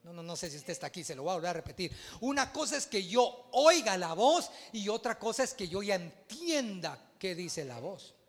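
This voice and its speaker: A man with a Guatemalan Spanish accent preaching a sermon as pastor, swinging between loud exclamations and hushed asides. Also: sits high, big pitch swings, normal speed, few pauses, in a large hall.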